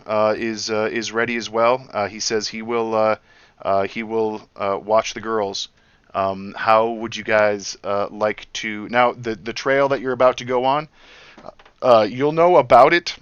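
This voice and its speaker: A man narrating as dungeon master for a tabletop game, halting with many filler sounds. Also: fairly bright tone, clean tone, no room sound. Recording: dull dry low-fi audio.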